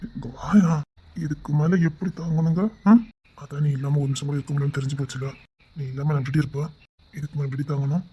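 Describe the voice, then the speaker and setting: A woman's voice: low-pitched, fairly even intonation, fast talker, mellow, a little hiss or hum, natural voice. A woman, voicing an ardent young man who coaxes his angry sweetheart affectionately in an amateur romantic audio drama, at times in a whisper. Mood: coaxing. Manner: coaxing, affectionate, sometimes dropping to a whisper.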